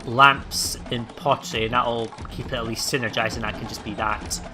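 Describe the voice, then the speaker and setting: A man hosting a let's play, giving relaxed gameplay commentary and thinking aloud with plenty of ums and uhs. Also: mid-range voice, normal speed, music in the background.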